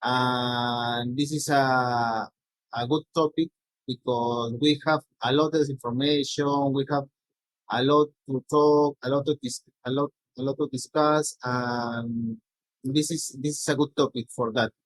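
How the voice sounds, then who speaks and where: A middle-aged Peruvian man, a native Spanish speaker with a Peruvian accent, gives a slide presentation haltingly, restarting often and tagging "no?" onto his lines. His voice sits in the mid range with fairly even intonation. The recording is rough and has no room sound.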